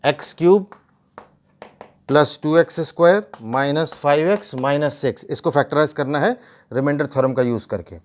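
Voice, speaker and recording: His voice sits on the high side and moves at a normal pace as this male teacher leads a whiteboard math lesson. He breaks down the steps, asks rhetorical questions, and blends English math vocabulary into his explanation.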